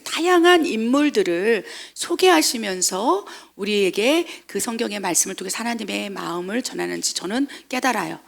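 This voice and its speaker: A woman missionary pastor preaching a lively sermon, acting out voices and asking the congregation questions. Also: a little high, gravelly. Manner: animated, acts out quoted voices; asks the congregation rhetorical questions.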